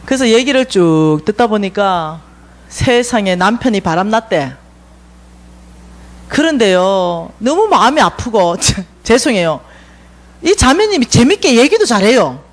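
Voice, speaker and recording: A middle-aged woman with a Gyeongsang accent, telling stories in a church seminar and acting out the dialogue with big jumps in pitch and volume. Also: sing-song, a little slow. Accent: Gyeongsang Korean. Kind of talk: lively storytelling lecture. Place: church lecture hall.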